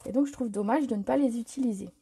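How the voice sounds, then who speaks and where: Chatty woman with a soft husky voice. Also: fairly high pitch, quick pace. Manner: chatty, self-correcting, laughs at own slips. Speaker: craft demonstrator. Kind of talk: live craft tutorial.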